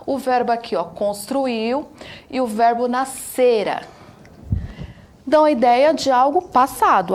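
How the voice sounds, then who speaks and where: A woman with a Brazilian accent gives a televised classroom lesson from a studio. Her voice sits a little high, and she explains step by step, checking in often with her listeners. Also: a little hiss or hum. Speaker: teacher. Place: broadcast studio.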